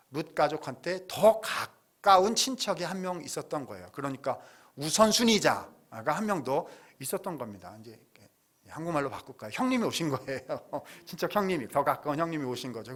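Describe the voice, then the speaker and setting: A male pastor preaching a sermon in a church, retelling a story with lively asides and frequent questions to the congregation. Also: on the high side. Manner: animated storytelling, asks congregation along.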